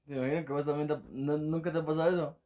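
A young man chatting casually, slangy, with loud bursts of laughter. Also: on the high side, flat delivery, racing, highs cut off. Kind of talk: casual chat.

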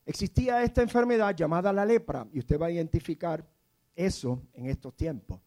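A man in his fifties preaching a sermon as a storyteller. He often drops to a soft, hushed voice and has the congregation repeat words after him. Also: a little high, a little fast. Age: 50s.

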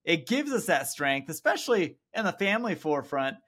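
A man hosting a podcast with a high, bright, forward voice. He talks in an upbeat, affirming way and keeps cheering his guest on during a casual interview. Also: very animated, fairly quick, breathy edge. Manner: enthusiastic, affirming. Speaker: podcast host.

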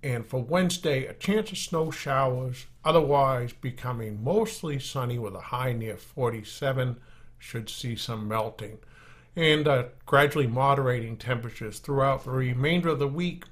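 A man with a Maine accent presenting an informal podcast in a folksy, somewhat halting way. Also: mid-range voice. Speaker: podcast host. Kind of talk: informal podcast presenting with weather and nature segments.

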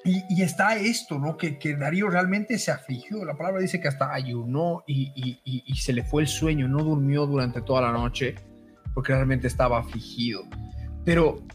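Guy co-hosting a bible show, kinda high voice, fervent, lots of amen and restarts. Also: normal speed, soft background music. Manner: fervent, says amen, repeats words as he starts. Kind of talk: Bible teaching chat.

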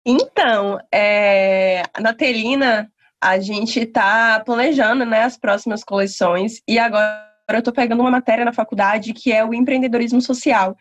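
A woman's voice: on the high side, fairly even intonation, moderate pace. A young adult woman who runs a surfwear brand, speaking as a guest in a thoughtful, rambling way. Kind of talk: casual podcast chat. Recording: dull lo-fi audio.

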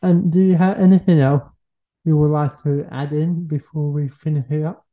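A man hosting a casual podcast interview in halting, fragmented phrases. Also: on the high side, fairly even intonation, lo-fi sound. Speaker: podcast host.

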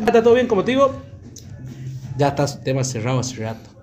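Young man, Córdoba accent, teasing, laughing, slightly high voice. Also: big pitch swings, fast talker, a little mellow, soft background music. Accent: Argentine, Córdoba. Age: young adult. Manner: teasing, laughs while talking. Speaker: podcast host. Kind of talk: casual chat.

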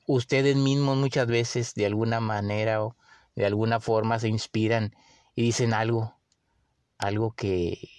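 A man with a Mexican accent hosting a podcast, musing in a relaxed way with many pauses and fillers. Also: medium pitch, no echo. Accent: Mexican Spanish. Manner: unhurried, with frequent fillers and restarts. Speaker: podcast host. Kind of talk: casual reflective monologue.

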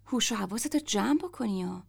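A woman reading the lines of a brisk, reassuring aunt in a story. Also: a little high, expressive, creaky, breathy edge, exaggerated voice.

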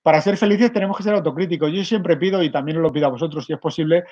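A middle-aged man with a Spanish accent, giving an energetic online conference talk straight to his audience over a webcam. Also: on the high side, rapid-fire, lo-fi sound. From Spain. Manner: energetic, direct, addresses audience as "mirad". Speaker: conference speaker.

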